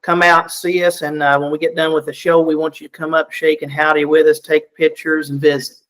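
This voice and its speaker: A middle-aged country singer with a strong Southern US accent and a slightly high voice. He talks in a folksy, self-deprecating way, often repeating a word as he starts a thought. His tone stays relaxed and chatty throughout the interview. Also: fairly quick, poor audio. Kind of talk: casual interview chat.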